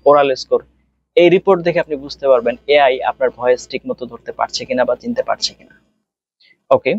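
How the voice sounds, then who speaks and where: A man's voice: mid-range voice, no echo. A man with a Bangladeshi accent, an exam tutor explaining tips step by step and mixing in English terms. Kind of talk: spoken tutorial. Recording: dull, dry sound.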